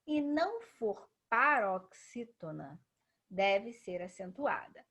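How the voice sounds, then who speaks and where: Husky Brazilian woman teaching grammar. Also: mid-range voice, big pitch swings, slow pace, a bit bright. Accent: Brazilian Portuguese. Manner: patient, explanatory, frequent tag questions. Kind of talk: classroom grammar lesson.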